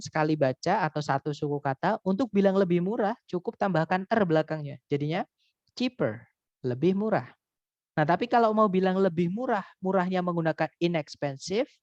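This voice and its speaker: Patiently walking through English grammar for an online recording, a man keeps restating his points and saying "teman-teman." His voice is high-pitched and a touch mellow. There's no room sound, and the recording comes across dry and slightly dull.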